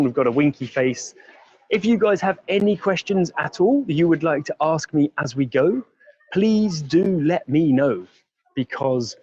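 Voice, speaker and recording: A man with an English accent, leading a live-streamed walking tour outdoors on busy city streets. He speaks in a friendly way, explains words slowly and reads out viewer comments. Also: fairly high pitch, darkish tone, muffled recording. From England.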